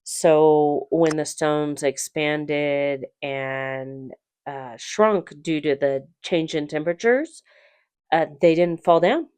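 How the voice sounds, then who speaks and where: A woman's voice: sits low, takes it slowly, a little mellow, smooth, no echo. A woman casually narrating her trip in a home voice-over, rambling a bit and unsure of place names.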